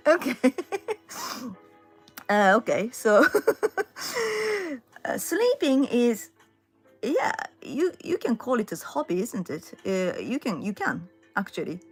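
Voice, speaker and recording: A woman's voice: on the high side, big pitch swings, measured pace, breathy edge, faint music behind. A middle-aged woman from Japan with a Japanese accent hosts a casual livestream chat from home, reading out viewer comments and answering them. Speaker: livestream host and singer. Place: home in London.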